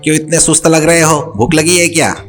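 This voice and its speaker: A man's voice: on the high side, fairly even intonation, a little fast, voice pushed up, natural voice. A sly, greedy cartoon monkey who mocks and bosses everyone around, put on by a man. The voice sits well above the narrator's own and pushes its words with cocky swagger. Faint music plays under it. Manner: sly, bossy, mocking. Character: cheeky greedy trickster monkey, male. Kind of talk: cartoon story voice acting.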